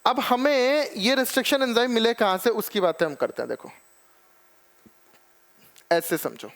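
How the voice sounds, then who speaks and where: A man's voice: very high-pitched, moderate pace, creaky, fairly bright tone. A man teaching biology in an exam-prep lecture, explaining step by step and checking often that students follow. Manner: calls students "children" and "beta ji".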